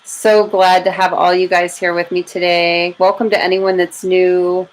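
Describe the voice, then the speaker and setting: In a fairly low, flat voice, an American woman unhurriedly hosts a live tarot reading, chatting informally with her viewers and thinking aloud. The recording is rough, with clear background noise and room ambience.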